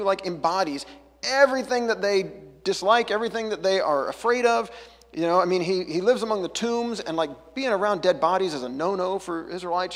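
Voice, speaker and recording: A man's voice: high voice, long reverb tail. A man preaching a casual, chatty sermon, breaking off into jokey asides and back. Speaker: pastor. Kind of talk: conversational sermon.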